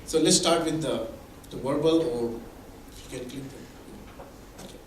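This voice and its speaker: Heard from a distance in a roomy, echoey hall or meeting room, a mid-pitched male presenter at a mentoring event talks conversationally and a little slowly. He leans on examples and restarts often, with slight background noise underneath.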